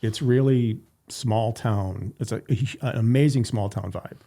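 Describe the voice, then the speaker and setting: A man appearing as a guest, explaining town events in a relaxed, plain-spoken way and repeating words. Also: fairly low pitch, unhurried. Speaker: recreation supervisor, guest. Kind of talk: casual interview.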